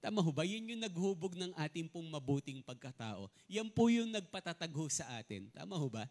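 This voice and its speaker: A pastor delivers a sermon in a slightly high, darkish voice that moves quickly and swings widely in pitch. He often slips English into his preaching and keeps asking the congregation whether they follow him.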